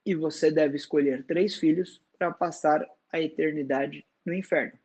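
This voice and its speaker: A man voicing a calm, wise woman who speaks softly, slowly and firmly, in a dramatized book reading. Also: on the high side, slightly rough. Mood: firm, probing. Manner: soft, slow and firm.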